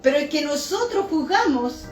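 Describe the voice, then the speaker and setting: Woman preacher, high voice, earnest storyteller, soft music under a roomy church sound. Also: expressive, normal speed, far from the mic. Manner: earnest storytelling with rhetorical questions to the congregation. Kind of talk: sermon. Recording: echoey church room with faint music.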